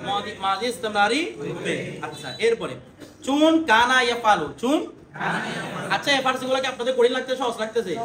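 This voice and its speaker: High-voiced male teacher in echoey classroom. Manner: asks students questions and drills pronunciation. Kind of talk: classroom lesson. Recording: echoey room with background noise.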